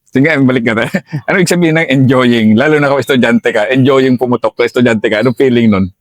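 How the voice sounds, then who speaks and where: Host with brisk, probing questions. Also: male voice, medium pitch, steady tone, dry recording. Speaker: interviewer, retired colonel. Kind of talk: interview, casual chat.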